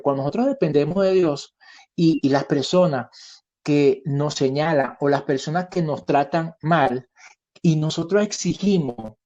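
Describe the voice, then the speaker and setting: Colombian pastor guy preaching, warm dark voice, kinda muffled lo-fi sound. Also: on the high side. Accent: Colombian Spanish. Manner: earnest, drawn-out preaching with storytelling. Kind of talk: sermon. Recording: muffled lo-fi sermon recording.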